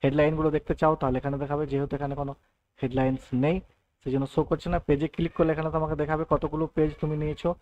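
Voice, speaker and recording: A man giving a step-by-step software tutorial over a screen recording, checking in with his listeners often. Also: fairly high pitch, flat delivery, racing, narrow, tinny audio. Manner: explains step by step, often adds "thik ache" and "right". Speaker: computer tutor.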